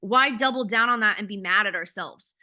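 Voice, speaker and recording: A woman's voice: medium pitch, a little fast, pushed and bright. A woman coach giving a casual, candid talk on a video call, blunt and swearing freely. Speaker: ADHD coach.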